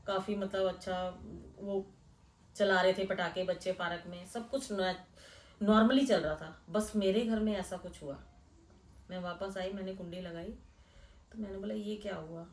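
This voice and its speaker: A middle-aged woman from Delhi, earnestly retelling a frightening real-life experience in a hushed first-person way. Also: fairly low pitch, fairly even intonation, a little slow, recorded from a distance. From Delhi, India. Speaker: storyteller. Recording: echoey room, voice a bit off-mic.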